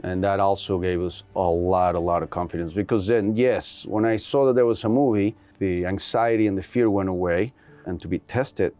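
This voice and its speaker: A man's voice: deep voice, fairly even intonation, moderate pace, warm tone. A man in a casual interview, earnestly telling stories about making a film. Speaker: film director guest.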